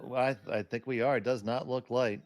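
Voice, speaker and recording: A man's voice: mid-range voice, fairly even intonation, brisk, dry recording. A man doing live curling commentary in a chatty way, adding anecdotes between the shots.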